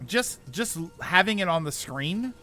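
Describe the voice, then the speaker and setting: A man's voice: sits high, animated, moderate pace, bright, forceful tone, soft background music. A man streaming a game, giving casual live commentary and reacting aloud.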